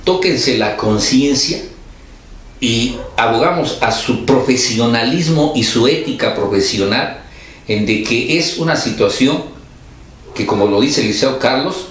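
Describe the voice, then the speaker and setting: Older male talk-show host in his sixties, mid-range voice, chatty and halting, recorded in a very echoey room with faint background noise. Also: mid-range voice, lively intonation. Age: 60s. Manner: conversational, searching for words with pauses. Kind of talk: radio-style talk show chat.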